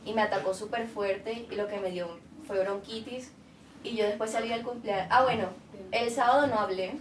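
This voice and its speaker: Sharing her testimony at church, a woman chats casually and often says things more than once. Her medium-pitched voice keeps a normal pace and fairly even intonation, picked up by a distant mic in a roomy space with faint room noise.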